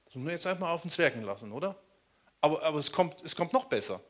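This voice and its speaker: A man from Germany preaching a sermon in a lively way, often turning to ask his listeners questions. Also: a little high, fast talker. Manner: animated, asks the listeners questions.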